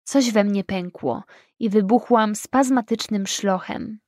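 Kobieta czyta audiobook w pierwszej osobie, spokojnie i równo. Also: female voice, mid-range voice, slow, a little mellow, no room sound, clean studio sound. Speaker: audiobook narrator. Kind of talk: first-person audiobook narration.

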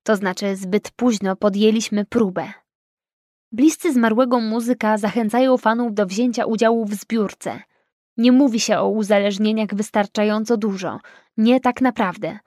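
Kobieta czyta audiobook w pierwszej osobie, spokojnie i równo. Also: female voice, mid-range voice, fairly even intonation, normal speed, darkish tone, no room sound, clean studio sound. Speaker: audiobook narrator. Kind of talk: first-person audiobook narration.

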